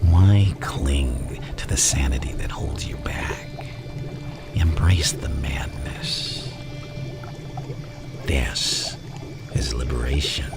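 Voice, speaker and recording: A man playing a theatrical, manipulative madman supervillain in an ASMR roleplay, speaking in a gravelly, breathy half-whisper and savouring each phrase. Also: very deep voice, full character voice. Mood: seductive menace. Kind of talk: ASMR villain roleplay monologue.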